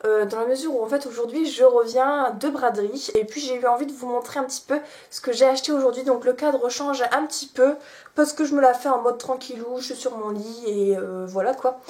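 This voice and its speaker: A young woman chatting casually to camera from her bed, showing what she bought, with many small pauses. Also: on the high side, darkish tone. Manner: chatty, many fillers and restarts. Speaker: vlogger. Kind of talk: casual haul vlog. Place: bedroom, sitting on her bed.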